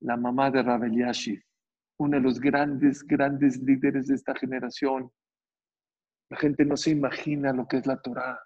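A man preaching as a rabbi, emphatic and animated, with much repetition, on a dull lo-fi recording. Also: medium pitch, measured pace, husky. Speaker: rabbi teaching a Torah class. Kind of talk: sermon.

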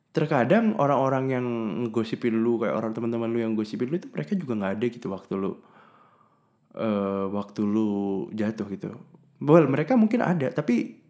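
Young man, candid and slangy. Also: mid-range voice. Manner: candid, slangy, cursing, mixing in English words; swings between loud bursts and mumbled asides. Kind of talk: casual personal story, talking to the listener.

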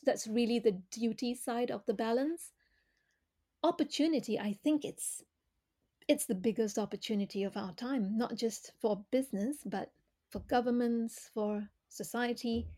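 Woman from malaysia, middle-aged, mellow kinda warm voice, talks slow and thoughtful with lots of um and you know. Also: on the high side. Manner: thoughtful, measured, with frequent fillers. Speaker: podcast guest, former corporate director. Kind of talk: reflective interview answers.

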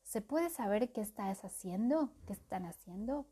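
A woman voicing a bossy, boastful male dragon sorcerer in a storybook, with booming exclamations. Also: lively intonation, moderate pace, mellow, husky. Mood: stern.

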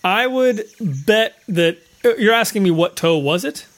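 A man with a fairly high voice talks through a film in casual podcast banter. He jokes freely and rambles, often repeating words as he works out a thought. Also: lively intonation, measured pace, fairly bright tone. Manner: joking, rambling, repeats words while thinking. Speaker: podcast co-host. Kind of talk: casual movie-review chat.

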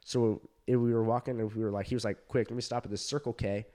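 A man who does stand-up telling a long story in casual chat, full of fillers, swearing and animated quoted voices. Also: mid-range voice, quick pace. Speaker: stand-up comedian.

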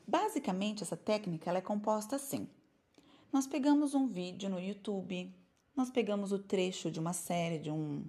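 Lively Brazilian woman teaching English. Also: medium pitch. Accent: Brazilian Portuguese. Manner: lively, chatty, mixes English terms into speech. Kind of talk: casual online lesson.

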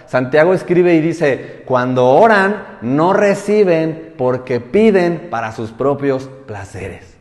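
A male pastor preaching a sermon, firing rhetorical questions with emphatic swells and hushed drops. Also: fairly high pitch. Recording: roomy hall with long reverb.

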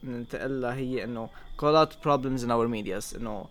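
A man's voice: medium pitch, moderate pace, a bit bright. A young Lebanese man in a casual discussion, constantly switching between Arabic and English mid-sentence.

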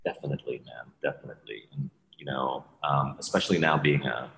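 A man who grew up in Hong Kong, a podcast guest chatting casually and relaxed, laughing often between phrases. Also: very deep voice, a little fast, creaky. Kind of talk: casual chat. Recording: roomy with long reverb.

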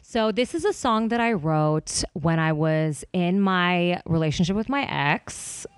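A woman's voice: lowish voice, animated, unhurried, clean tone, no echo. A young woman, a singer-songwriter guest, chatting casually on a podcast and filling her talk with "like" and "um". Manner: chatty, lots of fillers like "like" and "um". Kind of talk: casual interview chat.

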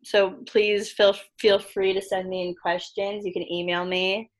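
A young woman hosts a relaxed podcast chat with a gravelly vocal fry. She laughs easily and talks in a loose way, full of fillers. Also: mid-range voice, unhurried. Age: young adult. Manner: giggly, chatty with many fillers. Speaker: podcast host.

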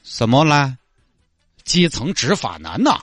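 Man playing an earnest young city officer, reasoning, lower voice, dry sound. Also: huge pitch swings, slow, fairly bright tone, no echo, faint music behind, full character voice. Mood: complaining. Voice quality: patient, reasoning tone.

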